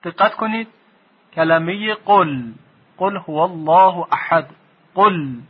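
A man teaching Quranic reading, drawing out each syllable slowly for the listener to repeat. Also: high voice, slightly rough, lo-fi sound. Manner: slow, drawn-out syllables for repetition. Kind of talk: Quran recitation lesson.

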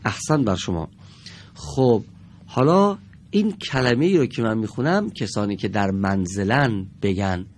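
A man teaching a televised classroom lesson in a studio, patient and encouraging with the pupils, drawing out each example word slowly and deliberately. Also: lowish voice, big pitch swings, a little hiss or hum.

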